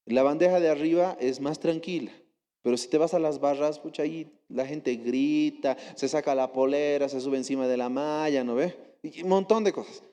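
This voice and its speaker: Bolivian guy preaching, mellow voice kinda high, long church echo. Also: normal speed, clean tone. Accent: Bolivian Spanish. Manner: storytelling with rhetorical questions, animated quotes. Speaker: lay preacher. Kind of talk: sermon. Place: church hall.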